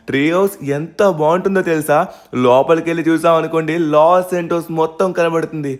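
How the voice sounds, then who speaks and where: A man voicing a hard-working young hero who narrates to viewers and flares up fast, in a game role-play dub. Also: a little high, lightly acted. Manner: talks straight to viewers, quick to anger. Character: hard-working young man defending his tree house. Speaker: main character and narrator.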